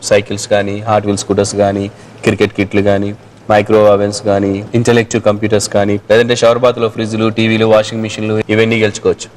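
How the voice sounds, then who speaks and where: Fast-talking playful game show host man. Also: on the low side, completely flat delivery, a little hiss or hum. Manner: playful, teasing a young contestant; rapid announcer-style reading of instructions. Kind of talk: TV quiz show hosting.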